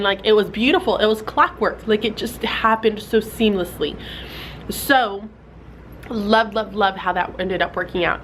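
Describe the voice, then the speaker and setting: In a classroom, a young woman who teaches fourth grade chats casually for a vlog, sounding a little stuffy from a cold and scattering "like" and "um" throughout. Her voice sits in the mid range, and the low-quality recording carries slight background noise.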